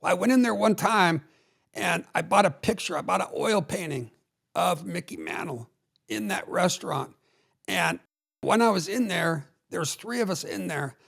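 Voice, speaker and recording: A man hosting a podcast, telling a story in a relaxed, loose way with fillers. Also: sits high, moderate pace, vocal fry, slightly rough. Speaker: podcast host. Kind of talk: casual chat.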